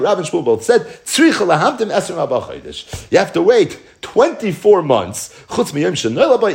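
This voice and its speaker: Man, slightly high-pitched, highly varied intonation, rabbi's Talmud lesson, translating and explaining aloud. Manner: animated, sing-song explaining with rhetorical questions. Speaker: rabbi teaching a Talmud class.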